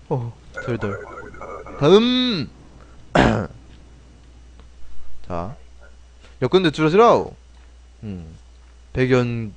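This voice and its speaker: Animated man muttering through a game. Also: medium pitch. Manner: mutters, then bursts into loud swearing and laughter. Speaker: game streamer. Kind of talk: gameplay commentary.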